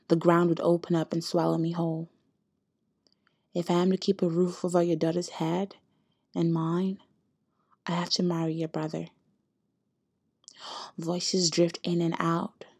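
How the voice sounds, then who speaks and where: A woman performing a dramatic spoken monologue, hushed and intense, dropping at times into whispers. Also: fairly low pitch, husky.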